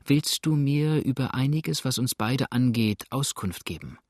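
A man's voice: mid-range voice, animated, measured pace, a little mellow, no room sound, clean studio sound. A man voicing a sobbing young woman. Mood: pleading tearful. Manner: tearful, pleading.

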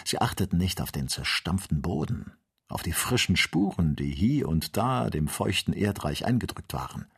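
A man reading an adventure novel aloud as audiobook narrator, in measured storytelling. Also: low-pitched, expressive, creaky, a bit bright, husky. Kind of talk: scripted narration.

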